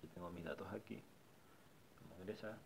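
A man with a low, gravelly voice talks a little fast as he casually walks viewers through a website in a screen recording. This tutorial vlogger keeps repeating himself and restarting phrases as he points things out, with slight background noise present.

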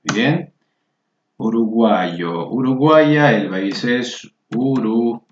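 With a medium-pitched, animated voice and drawn-out words, a man patiently spells out Spanish word forms in a slow screen-recorded lesson. Slight background noise colors the roomy, dull lo-fi sound.

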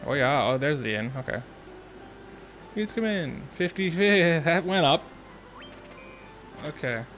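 A man's voice: a little high, animated, unhurried, a bit bright, faint music behind. A young man hosting a let's play, thinking aloud in casual, chatty commentary.

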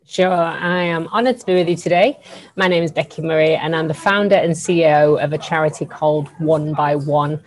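A woman's voice: sits low, a little fast, poor audio. A woman with a northern English accent, a charity founder speaking as a podcast guest in an earnest, self-deprecating way. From northern England. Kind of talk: podcast interview.

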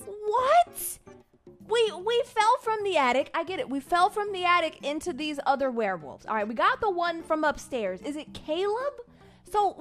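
A woman with a very high, bright voice, commenting on a horror game for her stream. She swings around a lot in pitch, shouts at the characters and swears freely, then drops into chatty asides to her viewers. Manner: chatty asides to chat with "girl" and "y'all". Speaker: gaming streamer. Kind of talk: live gameplay commentary.

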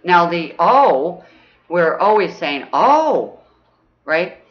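A woman leading a guided throat chakra exercise, chatty and upbeat, often checking in with "okay?" and breaking into high whoops. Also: slow pace, muffled recording. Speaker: spiritual teacher.

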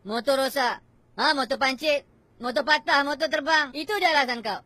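A woman's voice: high voice, normal speed, sharp tone, no room sound. A woman playing a sarcastic boss who scolds a late worker in a comedy sketch.

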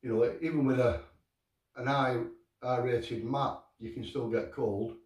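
Sitting indoors in his living room, the Northern English middle-aged man from England rambles through a matter-of-fact camping gear review. He speaks in a steady, darkish, mid-range voice without hurrying. The audio, from a camera on a tripod some distance away, is roomy with a faint hiss.

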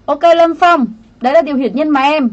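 A woman's voice: high voice, brisk, dull audio. A woman teaching an English grammar lesson on a livestream, chatty, greeting viewers by name and explaining each answer option.

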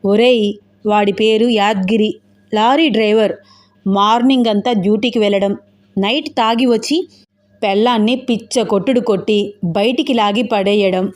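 A woman's voice: medium pitch, moderate pace, a little mellow, natural voice. A woman voicing an easygoing, dismissive male friend in an audio novel, talking in a chatty, offhand way. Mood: casual.

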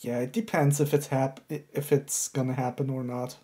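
Casting: male co-host, thirties, dark relaxed tone, little pitch movement, laid-back casual chat. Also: normal speed, breathy edge. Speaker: co-host of a manga reaction show. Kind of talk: casual chat reviewing a manga chapter. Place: room at home, indoors.

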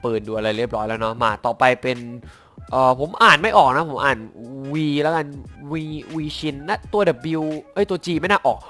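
A young man giving casual commentary on game skins, excitable, swearing now and then, stumbling a little when reading lore. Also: mid-range voice, moderate pace, soft background music. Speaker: gaming YouTuber reviewing skins.

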